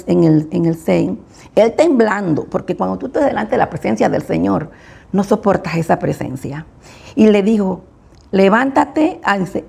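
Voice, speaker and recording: Woman preacher, very gravelly, husky and mellow, emphatic sermon delivery. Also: medium pitch. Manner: emphatic, rises and falls sharply on key phrases.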